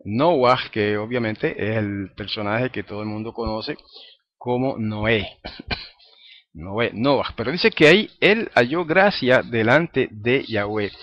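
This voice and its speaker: A man teaching a Torah study class in Spanish, reading scripture verses slowly and then explaining them, checking in with his listeners through frequent tag questions. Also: mid-range voice, no echo, lo-fi sound. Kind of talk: Bible study lecture.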